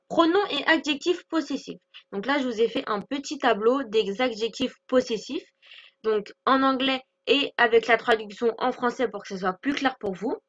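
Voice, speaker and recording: A woman's voice: a little high, sharp tone. A woman teaching an online English lesson, explaining patiently and often checking with "d'accord?". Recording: slightly dull lo-fi audio.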